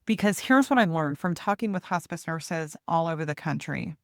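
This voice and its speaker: A woman giving a gentle, deliberate motivational talk as a host, pausing reflectively between phrases. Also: sits low, lively intonation. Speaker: podcast host and hospice nurse coach.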